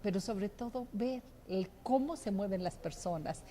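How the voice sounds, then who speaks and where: A woman with a Mexican accent hosting a casual interview, lively and chatty, often affirming her guest. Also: mid-range voice, moderate pace, a little hiss or hum. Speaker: host.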